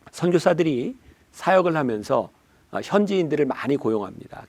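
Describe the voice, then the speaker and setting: A middle-aged man delivers a sermon as a pastor, speaking directly to his listeners and weaving in stories to make his points. His voice sits at a medium pitch. The recording is dry and close, with no room echo. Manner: storytelling preacher, addresses the congregation directly.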